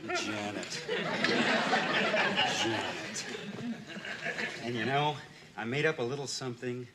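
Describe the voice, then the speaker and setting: A man's voice: mid-range voice, over a noisy crowd, natural voice. An actor playing a smug, smarmy womanizing old school friend, on a noisy old TV soundtrack. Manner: smooth, slow, smarmy.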